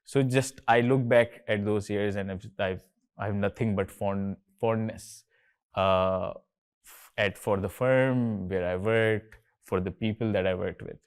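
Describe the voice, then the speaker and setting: A man's voice: lowish voice, steady tone, a little slow, clean tone. A man in his thirties from Karachi with a Pakistani accent, hosting a casual, chatty talk with students and often slipping between English and Urdu. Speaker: host, company co-founder.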